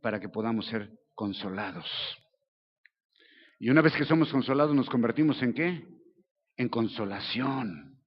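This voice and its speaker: A man's voice: mid-range voice, lively intonation, normal speed, pauses often, breathy edge, lo-fi sound. A man with a Mexican accent preaching a sermon at a church service. He talks to the congregation in a conversational way, often checking in with them.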